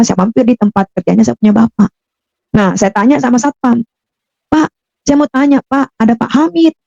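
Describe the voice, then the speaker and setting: A woman with a fairly high, mellow voice tells her personal testimony in a close, dry recording with a dull, lo-fi sound. She acts out the voices in her story and often repeats her phrases. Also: no echo. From Makassar, Indonesia. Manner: storytelling, acting out quoted dialogue, repeating phrases. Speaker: testimony speaker.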